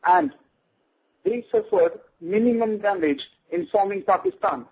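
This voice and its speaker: A man's voice: high voice, measured pace, husky. A man speaking as a guest on a radio show, lecturing emphatically. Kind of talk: radio interview. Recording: tinny phone line.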